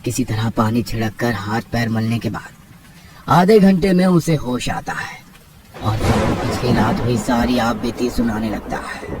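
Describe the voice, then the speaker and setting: A man's voice: mid-range voice, a little slow, noisy background. A man narrating a scripted horror story in a dramatic storytelling manner. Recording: distant mic with loud music.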